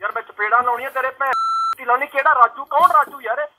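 High-voiced man on a noisy phone line. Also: fast talker. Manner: pleading and defensive, then swearing angrily. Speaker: prank call target.

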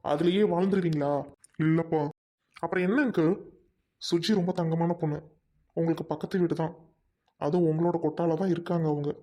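A man's voice: on the high side, warm tone, lightly acted. A man playing an earnest pleading young man. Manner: pleading, persuasive, lecturing. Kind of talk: amateur drama acting.

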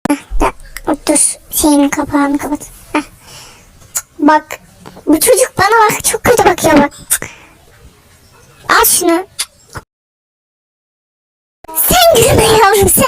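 A young woman giving loud, excitable gameplay commentary, shouting mock threats at an in-game character. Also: sits high, a little slow, long pauses, slight background noise. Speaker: gaming YouTuber.

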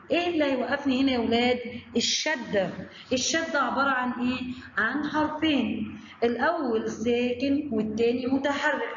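A woman with an Egyptian Arabic accent teaching young children a phonics lesson, talking to them directly and stretching out syllables. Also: sits high. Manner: slow drawn-out syllables, addresses children directly. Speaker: primary school teacher. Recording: echoey room, dull lo-fi sound, faint noise.

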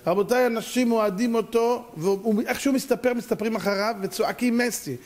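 A man giving a sermon as a rabbi, animated and full of rhetorical questions. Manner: animated, rhetorical questions, sharp pitch swings.

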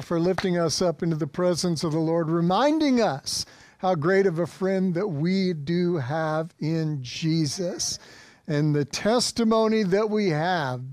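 An American pastor in his fifties preaches to an online congregation from a small indoor church studio set, urging listeners on with emphatic repetition. His voice is a little high with a darkish tone, and there's no echo.

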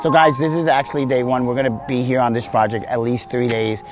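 A roofing contractor in his forties hosts a casual, upbeat, salesy vlog from a house roof and front yard outdoors, calling his viewers "guys." His medium-pitched voice is flat in delivery and a little fast. Background music plays under his voice.

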